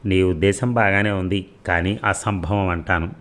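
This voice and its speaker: A man voicing a reserved, stubborn young man in an audiobook, speaking in a measured, guarded way. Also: low-pitched, fairly even intonation, fairly bright tone. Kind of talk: audiobook dialogue reading.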